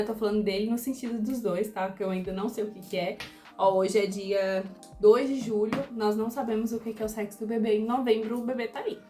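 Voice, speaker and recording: A woman's voice: mid-range voice, darkish tone. Young female vlogger, chatty storyteller, mid-range voice, echoey home room. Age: 20s. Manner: chatty storytelling, giggly, reads out her text messages. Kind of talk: casual chat.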